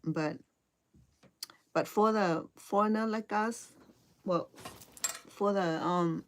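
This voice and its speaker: A middle-aged Cambodian woman with a Cambodian accent teaches crochet during a casual live stream, chatting hesitantly with viewers and often repeating her words. Her voice is mid-range and she takes things slowly.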